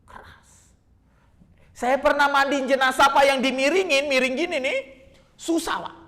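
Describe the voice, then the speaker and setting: A man with a rather high voice delivers a religious lecture, telling vivid stories and addressing his listeners as sir again and again. His voice carries a long reverb, as if recorded in a large hall. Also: fairly even intonation, a little slow, sharp tone. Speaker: religious teacher.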